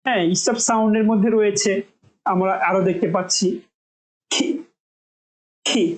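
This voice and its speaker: Woman, from Bangladesh, pronunciation teacher, middle pitch, repeats sounds slowly and clearly. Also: steady tone, reverberant, rough recording. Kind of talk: spoken lesson, demonstrating sounds.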